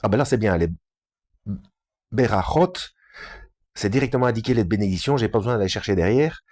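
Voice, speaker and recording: A man's voice: lowish voice, animated, brisk, darkish tone. A man giving an informal reading with running commentary, hesitant, full of fillers and restarts, with self-mocking asides. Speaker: presenter of a video series studying religious texts.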